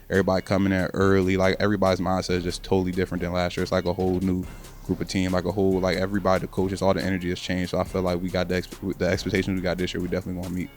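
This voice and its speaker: A man's voice: sits low, a little mellow. A young man, a college basketball player, answering interview questions in a casual, slangy, earnest way. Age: young adult.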